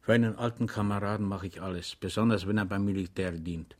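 A gentle older dog dealer speaks softly to an old comrade, in a voice a touch lower and quieter than the reader's own, as a male narrator voices him. He sounds mild and calm in this audiobook reading. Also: fast, natural voice. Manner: soft-spoken.

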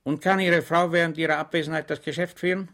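A man's voice: on the high side, fairly even intonation, fast, creaky, a bit bright, pitched above the performer's own voice. A man voicing a smug, falsely friendly plainclothes policeman in an audiobook. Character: smug male plainclothes policeman, sly and triumphant.

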